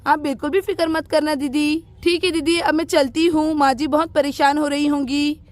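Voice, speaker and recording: A woman's voice: sits high, steady tone, normal speed, lightly acted. Woman doing a chatty young woman. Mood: reassuring. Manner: reassuring, chatty. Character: cheerful young village woman.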